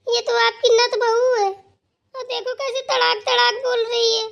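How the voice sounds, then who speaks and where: A woman's voice: very high-pitched, level tone, unhurried, creaky, a bit bright, dull audio, full character voice. A woman voicing a meddlesome, gossiping neighbor auntie in a cartoon who protests her innocence. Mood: wheedling. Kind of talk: cartoon voice acting.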